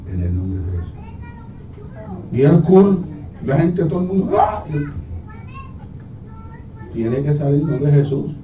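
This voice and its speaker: Pastor preaching in an echoey church. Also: male voice, fairly high pitch, dark tone, recorded from a distance, lo-fi sound. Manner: storytelling with humor, acting out voices. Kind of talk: sermon. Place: church sanctuary. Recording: echoey hall from afar, faint noise.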